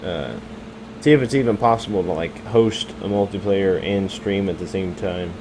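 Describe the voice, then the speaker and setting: A man's voice: deep voice, moderate pace, background noise. A young American man chatting casually on a live game stream, rambling and hesitant with many fillers and self-corrections. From United States.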